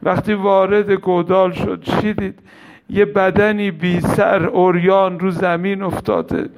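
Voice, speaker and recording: High-voiced man preaching a lament. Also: flat delivery, dull audio. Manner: emotional, lamenting, pleading. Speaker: mourning preacher. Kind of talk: religious mourning sermon.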